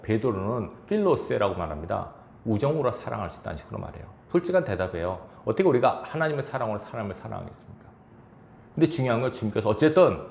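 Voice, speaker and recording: A man's voice: lowish voice, a little mellow, roomy sound. A man pastor preaching a sermon in a church, chuckling now and then and acting out quoted lines. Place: church sanctuary.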